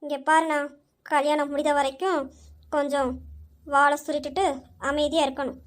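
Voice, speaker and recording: A woman's voice: high-pitched, level tone, moderate pace, natural voice. A woman voicing a scheming, spoiled young granddaughter who plots a forced marriage. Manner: sly, plotting.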